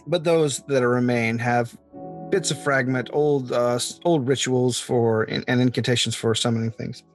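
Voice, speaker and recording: A man running a tabletop game as game master, describing rooms in an unhurried way with many fillers. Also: medium pitch, fairly even intonation, soft background music.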